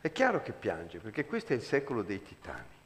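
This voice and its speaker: A man's voice: fairly low pitch, wildly swooping pitch, fairly quick. Guy spinning a story, voice jumping all over, chuckles along. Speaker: storyteller, performer. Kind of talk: lively anecdote telling on stage.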